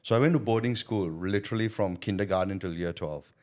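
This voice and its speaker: He speaks low, a bit fast, with a darkish tone: a middle-aged Thai sales consultant guesting on a podcast. In this casual interview he reflects on his story in a chatty way, frequently tossing in "you know" and "right?".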